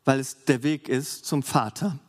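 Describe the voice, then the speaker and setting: Lively preacher man in a big hall. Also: mid-range voice, a little slow. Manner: lively, conversational, asks the congregation for agreement. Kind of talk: sermon. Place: large church hall. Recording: long hall reverb, faint music behind.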